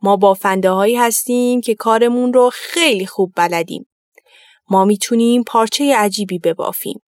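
A woman voicing sly cheat weavers who flatter and persuade, in a children's storybook reading. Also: medium pitch, no echo, studio quality, lightly acted.

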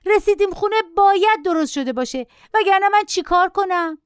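A woman's voice: lively intonation, no echo, clean studio sound. A woman voicing a spoiled little boy who screams and whines for his tablet. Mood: shrill demanding. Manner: shrill, whiny and demanding.

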